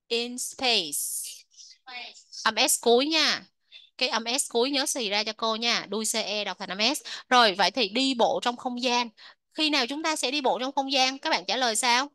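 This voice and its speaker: A woman English teacher explaining a textbook lesson, asking her students questions and drilling pronunciation slowly. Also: on the high side, sharp tone, dry recording.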